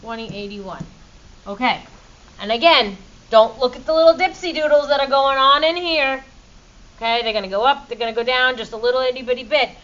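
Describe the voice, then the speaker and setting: A woman's voice: high voice, a little fast, a bit bright, highs cut off. A middle-aged woman teaching a chemistry class, quizzing students in a playful, upbeat way. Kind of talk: classroom lecture.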